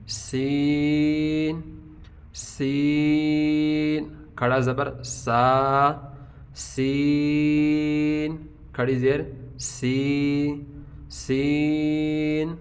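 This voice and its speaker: A male Quran recitation teacher with a Pakistani Urdu accent leads a tajweed lesson, holding each letter long and then rattling off quick explanations. His voice is smooth and clear, and it stays on an even, narrow pitch.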